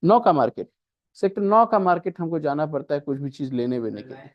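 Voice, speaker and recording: A man's voice: on the high side, sing-song, a little fast, lo-fi sound. Male classroom teacher walking students through a puzzle, checking in constantly. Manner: checks with students again and again, mixing Hindi and English. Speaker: coaching teacher. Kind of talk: classroom lecture on a reasoning puzzle.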